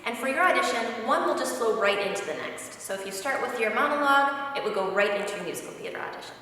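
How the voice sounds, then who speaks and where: Brisk woman giving audition notes. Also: a little high, lively intonation, bright, forceful tone, slight background noise. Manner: brisk, interrupting, gives notes. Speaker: audition director. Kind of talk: instructional talk. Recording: echoey hall from far off.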